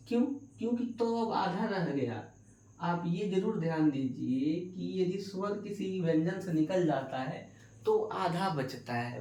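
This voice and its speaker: A man's voice: a little high, dark tone. A man teaching a grammar lesson for exam preparation, asking questions and answering them himself while stretching out key words. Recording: echoey room, distant mic.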